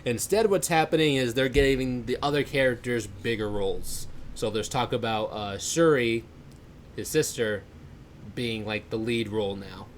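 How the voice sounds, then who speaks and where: Speaking at normal speed in a mid-range voice, a podcast co-host in his twenties meanders through casual conversation, full of fillers and quick to laugh. A faint hiss or hum sits under the audio.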